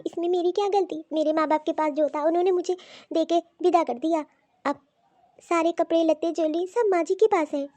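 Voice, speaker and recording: A woman's voice: very high voice, steady tone, a little fast, mellow, dry recording. A woman voicing a meek, put-upon young daughter-in-law in a cartoon, pleading and complaining. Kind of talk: cartoon voice acting.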